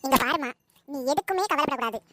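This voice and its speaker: A woman's voice: high voice, expressive, fast talker, a bit bright, no echo, clean studio sound. A woman playing a wheedling scheming daughter. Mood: coaxing. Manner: wheedling, pleading. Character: coaxing, scheming adult daughter. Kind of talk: comedy skit acting. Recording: noisy home recording.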